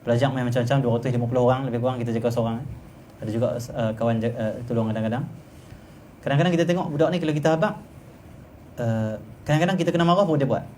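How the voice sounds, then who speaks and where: Quick Kedah-accented male teacher, acts out grumpy people, faint room hum. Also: medium pitch. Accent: Kedah Malay. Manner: lively, acts out grumpy people in raised voices. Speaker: religious teacher. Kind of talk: religious class lecture. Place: private home study class.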